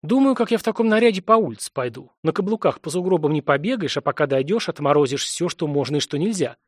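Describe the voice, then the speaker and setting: A man's voice: on the high side, lively intonation, fast, no room sound, clean studio sound. A man reading the part of a wary, tough young woman who grumbles glumly. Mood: worried. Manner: glum, grumbling.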